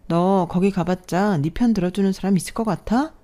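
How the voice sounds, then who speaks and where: A woman's voice: medium pitch, fairly quick, mellow, close to an everyday voice. A woman voicing a blunt, cynical divorced older sister in a storybook audio drama. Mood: knowing. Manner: blunt, knowing.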